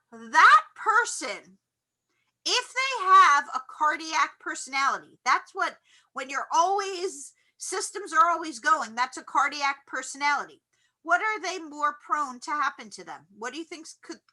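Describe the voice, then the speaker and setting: High, bright-voiced woman lecturing a class. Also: normal speed, poor audio. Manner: animated, acts out quoted reactions loudly. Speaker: college psychology instructor.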